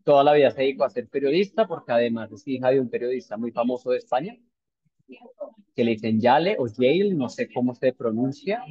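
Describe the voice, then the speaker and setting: A man's voice: medium pitch, fast talker, husky, dry recording. Thoughtful man presenting to a book club. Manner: thoughtful, hesitant, with many fillers and tag questions. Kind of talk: informal book discussion talk. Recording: dull lo-fi sound.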